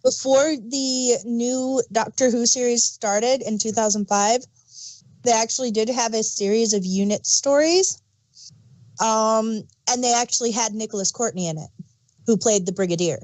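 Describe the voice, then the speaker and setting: A woman who hosts an audio drama review podcast chats casually, laying out background details with a keen fan's enthusiasm. Her voice is a little high and slightly mellow at a normal pace, and the recording is rough with no room sound.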